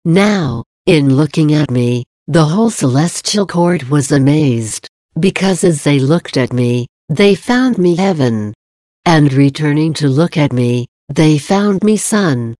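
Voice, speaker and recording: A woman reading the part of a tender heavenly mother, the queen of heaven, in a slow, solemn devotional reading. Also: sits low, expressive, mellow, dry recording, clean studio sound.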